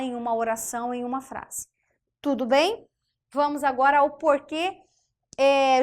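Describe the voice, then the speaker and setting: Brazilian woman teacher, high and unhurried, checks in with the class after each point. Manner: deliberate, often checks in with "tá?" and "né?". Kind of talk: grammar lesson.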